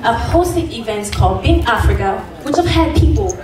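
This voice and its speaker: A young Congolese woman delivers an earnest pageant speech from a stage, heard from far off. The hall is echoey and a crowd can be heard clearly behind her. Her voice sits a little high. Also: animated, moderate pace. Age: young adult. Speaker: pageant contestant. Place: large indoor event hall.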